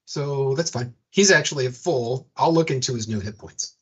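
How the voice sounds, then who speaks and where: A husky-voiced man runs a tabletop game, his speech casual and halting as he fixes his own calls mid-sentence. The audio is dull and lo-fi, with a middling pitch. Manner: casual, halting, corrects himself often. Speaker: game master.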